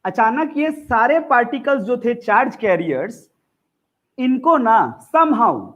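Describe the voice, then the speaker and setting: High-voiced man lecturing over tinny audio. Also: very animated, slow pace, fairly bright tone. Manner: chatty, joking, quizzes the class. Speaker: teacher. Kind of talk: live classroom physics lecture. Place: classroom. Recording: tinny phone-like sound.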